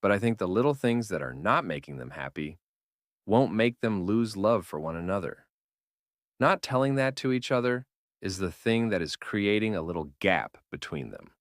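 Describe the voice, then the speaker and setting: A man's voice: fairly low pitch, big pitch swings, moderate pace, no echo, clean studio sound. A man delivering scripted analytical narration as a video essayist.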